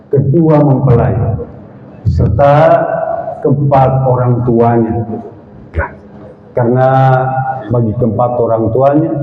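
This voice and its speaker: A man giving a wedding sermon, preaching in a slow, measured way and chanting Arabic verses between lively jokes. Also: medium pitch, a little hiss or hum. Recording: echoey hall, dull sound, faint ambience.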